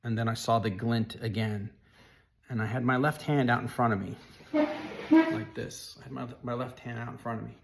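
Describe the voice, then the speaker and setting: A man telling a personal story in an earnest, halting way, often restarting his sentences. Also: mid-range voice, fairly even intonation, gravelly, slight background noise.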